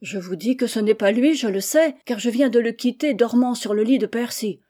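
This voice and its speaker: A woman voicing a young distraught wife, pleading in a raised, higher voice. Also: moderate pace, warm tone, natural voice.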